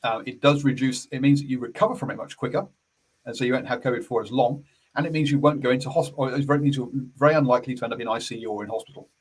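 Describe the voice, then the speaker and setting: A man's voice: medium pitch, racing, slightly rough, poor audio. A man hosting a casual rugby radio chat, hesitant with many fillers and restarts. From New Zealand. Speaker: sports radio host.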